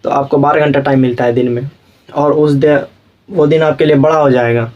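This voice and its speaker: A young man teaches a school class, lecturing as he goes and asking "samjhe?" after nearly every point to make sure students follow. Sometimes he acts out the children and parents he describes. His voice is medium-pitched, fairly even, a little mellow, at normal speed, and the audio sounds dull.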